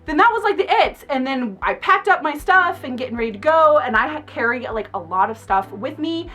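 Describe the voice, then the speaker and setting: Animated, outspoken woman telling a story. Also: sits high, brisk. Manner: animated, outspoken, laughs often. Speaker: makeup artist vlogger. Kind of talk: casual storytime vlog.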